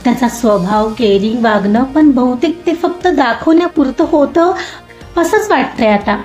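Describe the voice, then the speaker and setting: A woman voicing a lively, chatty young woman in an audio story, talking expressively to her father. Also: high voice, normal speed, close to an everyday voice. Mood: wistful. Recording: roomy muffled recording, soft music.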